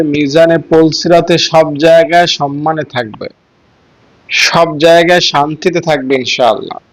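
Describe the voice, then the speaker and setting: A man's voice: a little high, poor audio. A man preaching a sermon in an earnest, pleading way, stretching out words for emphasis.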